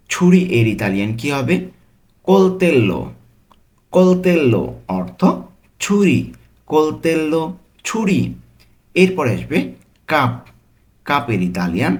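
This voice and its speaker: Man drilling vocabulary slowly. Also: medium pitch. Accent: Bangladeshi Bengali. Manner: slow word-by-word drilling, repeating each word with its meaning. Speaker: language teacher. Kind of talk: vocabulary lesson.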